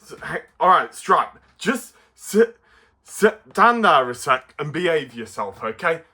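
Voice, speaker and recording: A man presenting a casual toy review to camera, with an excitable, playful kids-show delivery that is often halting and hesitant. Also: on the high side, slightly rough.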